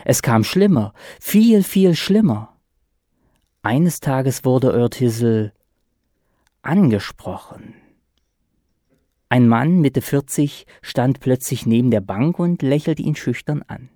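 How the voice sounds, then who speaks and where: A man narrating a story in a measured reading voice, stretching out words for emphasis. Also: medium pitch, animated, mellow, no echo, studio quality. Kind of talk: scripted narration.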